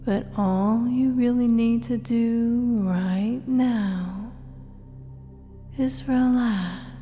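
A woman speaking as a hypnotist in a guided hypnosis recording, slow and soothing, slipping often into soft whispers. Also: on the high side, steady tone. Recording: long reverb with faint music behind.

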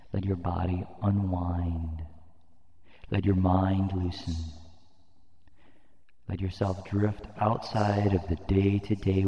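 Man, very low mellow voice, soothing hypnosis narration, reverberant lo-fi recording. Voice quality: soft, soothing, drawn-out phrasing. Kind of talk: slow guided hypnosis induction. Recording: roomy, long reverb, dull lo-fi sound.

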